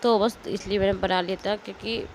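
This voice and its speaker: A woman in her thirties with a hoarse, strained voice from a cold, chatting casually as she narrates her household day. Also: medium pitch, fairly even intonation, brisk, a little hiss or hum. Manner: chatty, rambling, straining her throat to speak. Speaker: vlogger, homemaker. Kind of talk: casual voice-over narrating daily routine.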